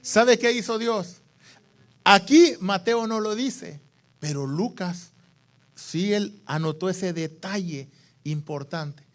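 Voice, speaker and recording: Man, pastor, Latin American accent, high voice, church sermon, hushed then booming calls. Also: takes it slowly. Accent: Latin American Spanish. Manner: preaching with loud rises and hushed drops, calling to the congregation.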